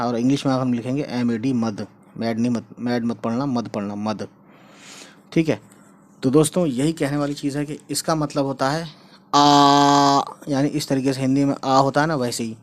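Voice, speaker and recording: Chatty man teaching letter sounds. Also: medium pitch. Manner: repeats words slowly, drawn out for pronunciation; chatty, checks in with "right?" and "guys". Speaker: Urdu teacher. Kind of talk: casual online language lesson.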